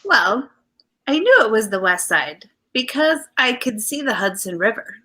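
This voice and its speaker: A woman's voice: on the high side, big pitch swings, a little slow, sharp tone, exaggerated voice. A woman playing an affectionate, playful detective's wife in 1940s radio drama style, with coy banter. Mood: coy, composed.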